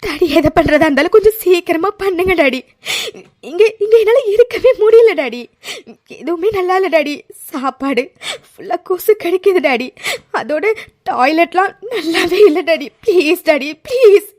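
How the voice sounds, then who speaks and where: A woman's voice: extremely high pitch, animated, normal speed, a little mellow. A woman voicing Maya, a whiny jailed young woman. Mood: pleading. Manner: whiny pleading, keeps saying daddy. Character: spoiled young woman jailed, tearful, pleading. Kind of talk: cartoon voice acting.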